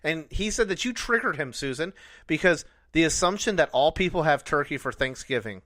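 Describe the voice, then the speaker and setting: A man's voice: on the high side, expressive, brisk, a bit bright, no echo, studio quality. A man hosting a casual talk radio show, upbeat and teasing. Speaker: radio host.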